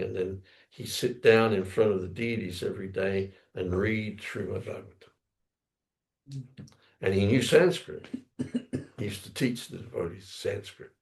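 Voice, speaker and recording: A man's voice: fairly low pitch, vocal fry, a little mellow. A man giving a scripture class, telling a story in a rambling way, often correcting himself and acting out sounds with his voice. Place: temple lounge class, indoors.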